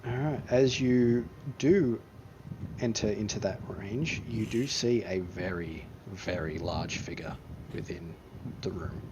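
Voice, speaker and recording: A man's voice: lowish voice, takes it slowly, noisy background. A man acting as game master, narrating a tabletop game. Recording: dull recording under loud music.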